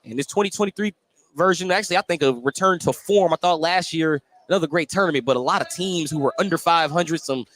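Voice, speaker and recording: A fast-talking man with a fairly bright, high-leaning voice gives running radio play-by-play of live basketball. He calls it from a courtside broadcast spot in a school gym, with background noise in the recording.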